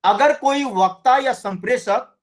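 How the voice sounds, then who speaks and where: A man teaching a Hindi grammar lesson, explaining slowly and often checking with his students. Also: very high-pitched. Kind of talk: classroom lecture.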